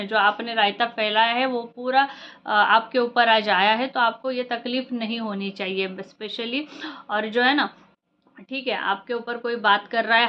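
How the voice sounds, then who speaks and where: Scolding woman vlogger, higher voice. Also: dull audio. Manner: scolding, sarcastic and talking directly to those she criticizes. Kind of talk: reaction commentary vlog.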